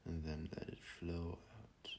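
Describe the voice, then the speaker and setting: A man leading a guided meditation, speaking calmly and softly with long pauses. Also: sits low, a little hiss or hum. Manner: slow, calm and soft-spoken, with long pauses.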